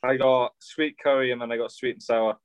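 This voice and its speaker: A young man speaks with a Swansea accent from south Wales. His voice sits at an average pitch. He talks casually, as a podcast guest would, in a dry sound with no room on it. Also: fairly even intonation, fairly quick, clear, resonant tone, no room sound. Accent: Swansea Welsh. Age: young adult.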